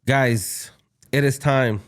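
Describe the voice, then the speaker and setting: A man's voice: mid-range voice, steady tone, slow, background noise. A man co-hosting a casual wrestling podcast, chatting loosely with friends. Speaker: podcast co-host. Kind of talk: casual chat.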